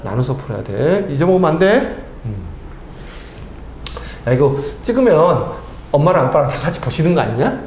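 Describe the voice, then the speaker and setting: Lively man quizzing a student. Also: on the high side, moderate pace, pauses often, a little hiss or hum. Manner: quizzing with constant tag questions. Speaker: math tutor. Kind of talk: tutoring lesson with casual chat. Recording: echoey room.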